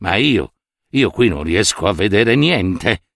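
A man voicing an anxious, flustered old male minister in a read-aloud fairy tale, muttering low to himself and then gushing in a high voice. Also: lively intonation, takes it slowly, gravelly, fairly bright tone, no echo, studio quality, full character voice. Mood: worried muttering.

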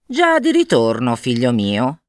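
A woman voicing a poor, weary old father who speaks slowly and with resignation. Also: a bass voice, huge pitch swings, a little mellow, dry recording, clean studio sound, heavily acted.

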